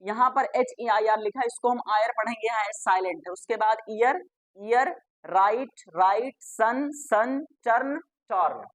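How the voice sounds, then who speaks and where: A woman's voice: on the high side, measured pace, no echo. A woman teacher. She gives a classroom grammar lesson, spells words out letter by letter and repeats them, and asks the class questions that she then answers herself.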